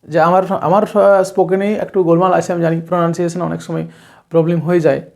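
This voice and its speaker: A woman with a West Bengal Bengali accent coaching viewers on interviews, pausing often with "uh" fillers and restarts and mixing in English terms. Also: fairly low pitch, little pitch movement, vocal fry, mellow. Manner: hesitant, frequent "uh" fillers and restarts; mixes English terms into speech. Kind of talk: spoken tips lesson to camera.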